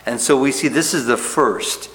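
A male pastor works through scripture in an easy, conversational way, tossing in "right?" and "okay?" to keep listeners with him. His voice is of middle pitch. It rings with the long tail of a church hall. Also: normal speed, fairly bright tone. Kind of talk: verse-by-verse Bible teaching.

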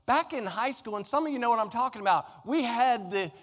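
A middle-aged American pastor's voice is extremely high in pitch, animated, fairly quick and a bit bright. He preaches in a conversational, emphatic way, throwing rhetorical questions at his listeners, in a hall with long, echoing reverb.

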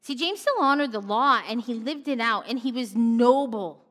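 A woman preaching a sermon, telling the story with animated expression and dropping to a hush for solemn points. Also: a little high, moderate pace. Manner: animated storytelling, acts out mocking voices, drops to a hush for solemn moments. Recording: long reverb of a church hall.

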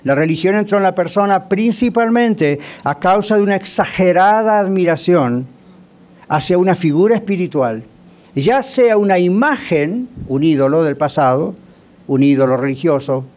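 Pastor guy preaching, fairly high voice, keeps asking the crowd questions. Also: animated, normal speed, darkish tone. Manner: conversational preaching, many rhetorical questions. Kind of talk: sermon.

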